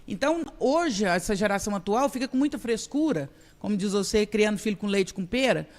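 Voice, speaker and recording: A woman's voice: medium pitch, animated, a little mellow. Firm Brazilian woman with reverby sound. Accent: Brazilian Portuguese. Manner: firm, didactic, measured. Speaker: guest expert on parenting. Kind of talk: podcast conversation.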